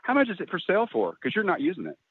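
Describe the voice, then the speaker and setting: A man voicing his own blunt, teasing mother as she scolds her grown son, raising his voice higher for her. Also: wildly swooping pitch, very fast, noisy background. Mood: scolding. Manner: sharp, needling, no-nonsense. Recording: tinny phone-like line, dry.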